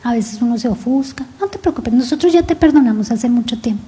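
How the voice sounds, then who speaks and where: A woman voicing a kindly aunt who softly reassures her niece and tells her all is forgiven, in a reverberant hall. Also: on the high side, animated, fairly quick, breathy edge. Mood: soothing. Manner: soft, soothing and forgiving.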